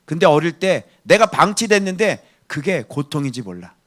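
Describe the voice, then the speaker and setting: A middle-aged male pastor preaching a sermon, emphatic, swinging between loud outbursts and hushed asides. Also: on the high side, big pitch swings, moderate pace.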